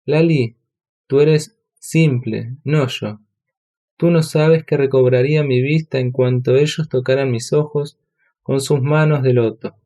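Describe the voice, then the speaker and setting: A man's voice: mid-range voice, fairly even intonation, measured pace, warm tone, natural voice. A man voicing a grieving blind old hermit in a storybook reading, plaintive and brusque. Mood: lamenting.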